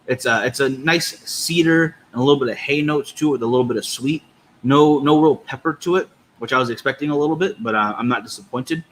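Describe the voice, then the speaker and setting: A man's voice: mid-range voice, fairly bright tone, poor audio. Man chatting casually over noticeable background noise. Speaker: podcast co-host. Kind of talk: casual cigar review chat.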